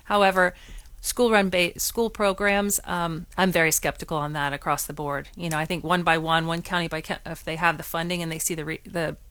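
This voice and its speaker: On a radio call-in show, a guest from a swim lesson nonprofit talks briskly in a lowish, fairly bright voice that barely changes pitch, with no echo. She explains things earnestly and keeps restarting her sentences.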